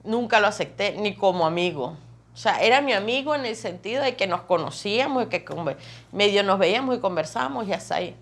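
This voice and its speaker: A woman's voice: mid-range voice, animated, brisk. Woman in her 30s sharing her testimony, emotional, tells it vividly and keeps repeating herself for emphasis. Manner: vivid, repetitive storytelling that piles up phrases. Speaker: testimony guest.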